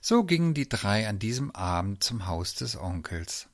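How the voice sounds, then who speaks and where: A man narrating a children's story in a lively, expressive way. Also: on the low side, moderate pace, dry recording, clean studio sound.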